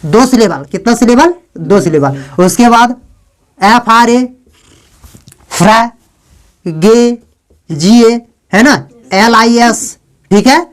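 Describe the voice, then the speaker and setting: A male English teacher giving a classroom lesson, often questioning his students, spelling letters out slowly and joking with them in a fatherly way. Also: extremely high pitch, animated. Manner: calls students "beta" in a fatherly way.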